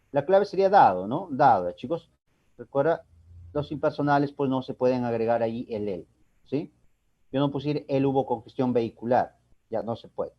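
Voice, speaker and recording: A man's voice: medium pitch, dark tone. A man teaching a language class, explaining step by step and asking and answering his own questions. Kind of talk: recorded online class lecture. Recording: dull lo-fi recording.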